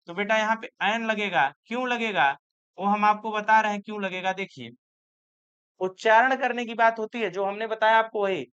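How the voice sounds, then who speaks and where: A man teaching an exam grammar lesson, explaining slowly and repeating key words, then asking the class questions back. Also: high voice, a bit bright, clear, resonant tone. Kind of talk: board exam grammar lecture. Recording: slightly dull lo-fi recording.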